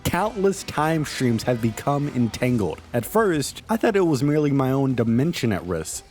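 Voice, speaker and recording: A man's voice: medium pitch, big pitch swings, moderate pace, darkish tone, faint music behind, close to an everyday voice. A man voicing an earnest female sorceress who gathers allies for a war, in a plain reading voice with no accent. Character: Scarlet Witch, grave female sorceress seeking allies.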